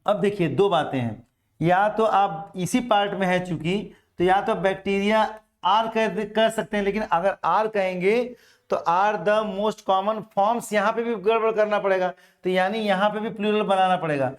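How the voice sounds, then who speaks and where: A middle-aged Indian man with a high-pitched, slightly slow voice gives a classroom grammar lecture for exam prep. He explains step by step and answers his own questions.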